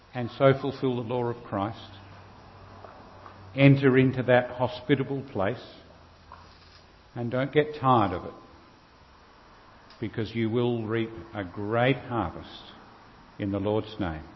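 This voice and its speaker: A man's voice: mid-range voice, slow pace, long pauses, slight background noise. Man, Australian accent, pastor, storytelling sermon, cathedral echo, long church reverb, muffled recording. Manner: conversational storytelling, asks the congregation questions. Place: large church.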